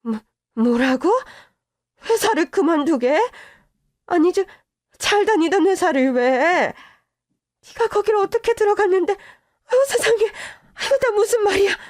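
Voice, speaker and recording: A woman's voice: very high-pitched, expressive, unhurried, a little mellow, no room sound, studio quality. A woman voicing a distraught middle-aged mother who bursts out in protective, tearful indignation, in a dramatized story reading. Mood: shocked. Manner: exclaiming, tearful outbursts.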